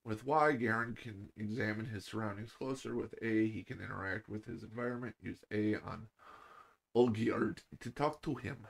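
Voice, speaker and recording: A man's voice: on the low side, fairly even intonation, normal speed, gravelly. A middle-aged man hosting a gaming show, giving goofy, jokey let's-play commentary and reading on-screen text aloud.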